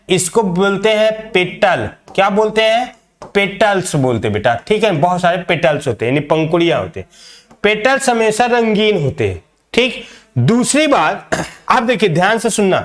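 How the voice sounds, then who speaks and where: A male biology teacher lecturing a class, showing a flower, repeating each term and quizzing his students. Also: high voice. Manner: repeats key terms and quizzes students with "क्या बोलते हैं?"; calls students "बेटा", demonstrates with a flower.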